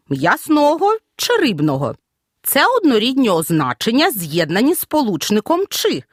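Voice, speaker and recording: Female teacher, scripted audio lesson, clear and measured, swooping intonation, dry studio sound. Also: medium pitch, dry recording. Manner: clear, measured teacherly delivery with emphatic stresses on examples. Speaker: Ukrainian language teacher.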